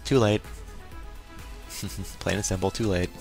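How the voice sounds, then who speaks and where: A man's voice: deep voice, fairly even intonation, takes it slowly, vocal fry, a little mellow, soft background music. Opinionated man recapping an anime episode. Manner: opinionated, exclaiming reactions. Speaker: anime reviewer.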